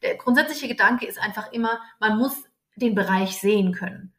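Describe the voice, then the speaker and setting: A woman's voice: on the high side, normal speed, a bit bright. A woman guest, a kindergarten teacher, explaining things practically with everyday examples. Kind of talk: casual conversation. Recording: echoey room.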